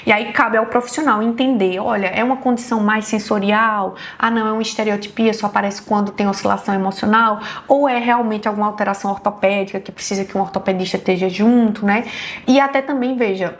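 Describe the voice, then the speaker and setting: Speaking in a mid-range voice with a Brazilian Portuguese accent, a neurologist delivers a health lecture online. She's patient in her explanations and frequently checks in with the people listening.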